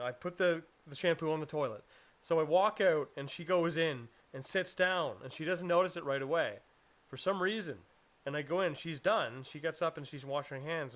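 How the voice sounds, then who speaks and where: A man co-hosts a casual podcast chat. His voice sits a little high for a man, and he tells stories in a rambling way, swearing freely and acting out what people said. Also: fairly bright tone. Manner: rambling storyteller, swears, acts out quotes. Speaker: podcast co-host.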